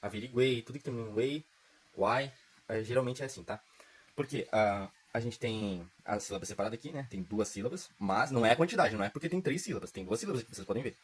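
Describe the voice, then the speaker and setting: Fast-talking husky teacher. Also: male voice, mid-range voice, poor audio. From southern Brazil. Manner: informal, chatty, frequent "tá?" checks. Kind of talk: casual grammar lesson.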